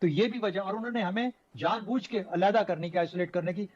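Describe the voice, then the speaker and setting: A man from Pakistan, a TV panel guest, making a measured, analytical argument, heard through dull lo-fi broadcast audio. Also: high voice. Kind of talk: talk show analysis.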